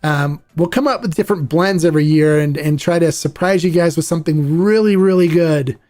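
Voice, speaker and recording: A man hosting a casual podcast, with a voice that sits a little higher than most men's. He rambles along with playful enthusiasm, and faint music plays behind him. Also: brisk, darkish tone. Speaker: podcast host. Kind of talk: casual chat.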